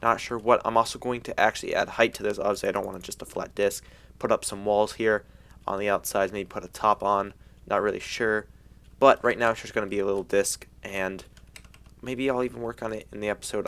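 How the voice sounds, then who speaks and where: Young dude with a lowish voice, casual gaming commentary, frat bro type slang, gets hyped. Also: male voice, vocal fry, fairly bright tone. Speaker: gaming video host.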